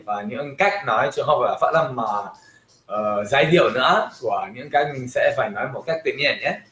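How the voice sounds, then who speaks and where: A man teaching a livestream lesson in a roomy space with an audible echo. His pitch sits in a middle range. He hesitates with many fillers as he moves between Vietnamese and English. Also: fairly quick, fairly bright tone. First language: French. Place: livestream room.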